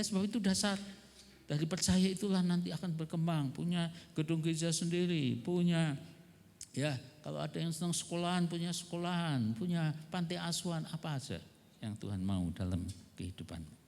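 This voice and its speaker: A man's voice: a little high, moderate pace, gravelly, darkish tone, in a large hall. A male pastor preaching a conversational sermon at a church seminar, full of rhetorical questions.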